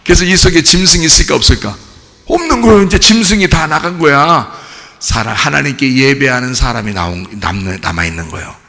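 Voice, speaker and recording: Lively gravelly Korean pastor preaching. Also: male voice, mid-range voice, fairly quick, big-room sound, slight background noise. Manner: animated, questioning the congregation, colloquial. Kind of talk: sermon. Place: church sanctuary.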